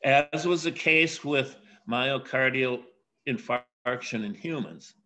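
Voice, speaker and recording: With a medium-pitched, sharp-toned voice, an older American man gives a keynote academic lecture, measured in delivery and dotted with pauses and filler sounds.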